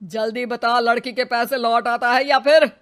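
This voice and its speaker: A woman's voice: high-pitched, normal speed, close to an everyday voice. A woman voicing a stern male police officer in a cartoon, blunt and scolding.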